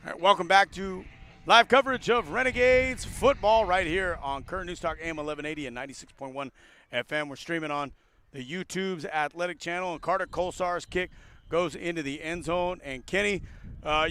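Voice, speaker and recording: Bright-voiced man calling football play-by-play. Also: fairly high pitch. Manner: excited calls on big plays. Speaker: play-by-play announcer. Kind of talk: live radio sports commentary.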